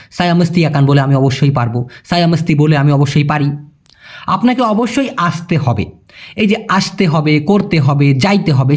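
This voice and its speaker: Calling his viewers "brother" and checking they understand, a young Bangladeshi language teacher chats through a casual video lesson. His voice is a little high and a little mellow, with a Bangladeshi Bengali accent.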